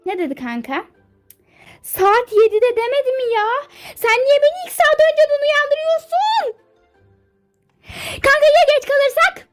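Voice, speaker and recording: A woman's voice: very high-pitched, a bit bright, voice pushed up, full character voice. A woman voicing Sanfi, a sleepy and grumpy young woman friend in a game role-play, who grumbles and complains in a drowsy, baffled way. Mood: groggy.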